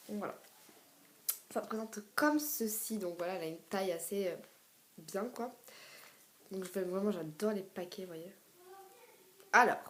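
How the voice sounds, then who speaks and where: A young woman chatting excitedly through a gift unboxing, full of fillers and restarts, filmed on a tablet at home. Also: mid-range voice. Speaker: beauty vlogger. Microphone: tablet camera.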